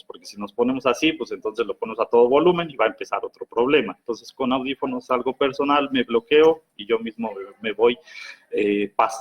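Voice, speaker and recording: A man with a Mexican accent giving advice on handling anger in a lively explanatory talk, often acting out imagined quarrels. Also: medium pitch, husky. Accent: Mexican Spanish. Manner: lively, acts out imagined quarrels in other voices.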